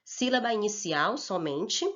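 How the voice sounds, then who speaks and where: A woman teacher, slowly talking children through a worksheet and checking in with "ok?". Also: medium pitch, animated, a bit bright. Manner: slow and deliberate, checks in with "ok?". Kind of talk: slow, patient worksheet instruction for children. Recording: dull lo-fi recording.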